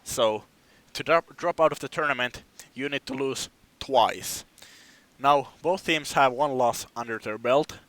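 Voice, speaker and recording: Young man, relaxed esports co-host, mid-pitched, easygoing. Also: measured pace, dry recording. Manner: laid-back co-host, many affirming yeahs. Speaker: esports caster. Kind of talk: live game commentary.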